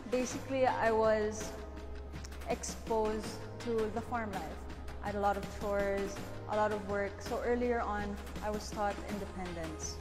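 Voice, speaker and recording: A woman's voice: medium pitch, fairly even intonation, unhurried, in a large hall. A woman in her twenties giving a composed, earnest self-introduction to camera as a pageant contestant. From Philippines, raised in the US. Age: 20s. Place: dark studio. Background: music.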